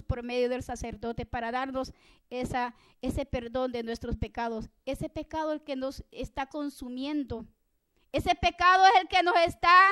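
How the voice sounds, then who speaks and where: A woman's voice: sits high, a bit bright, dry recording. A woman preaching and then praying aloud on a TV program, fervent, calling "Lord" between every phrase. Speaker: preacher leading prayer on a TV program. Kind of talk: sermon and spoken prayer.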